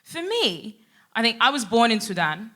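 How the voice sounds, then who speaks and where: A young woman from Australia, telling stories on a live stage in an animated way, laughing often and asking "right?" along the way. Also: a little high, normal speed. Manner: animated, laughing, frequent tag questions. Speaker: guest speaker. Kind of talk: live stand-up storytelling. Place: theatre stage before an audience.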